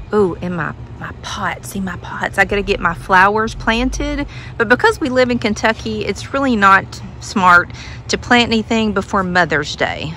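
A woman's voice: pushed and bright, a little hiss or hum, low-quality recording. A woman, chatting casually through a home tour vlog, filmed on a phone at arm's length outside on a patio and inside her house. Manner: chatty, talks to her dog in a high sing-song voice. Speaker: vlogger. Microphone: phone held at arm's length.

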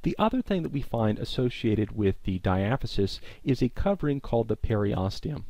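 A man giving a recorded college lecture, explaining terms clearly and often recapping earlier points. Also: mid-range voice, sing-song, moderate pace, warm tone, dry recording.

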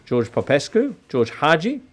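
A man's voice: fairly high pitch, huge pitch swings, moderate pace. A man hosting a football quiz on a podcast, reading questions in a playful, theatrical way. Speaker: quiz host.

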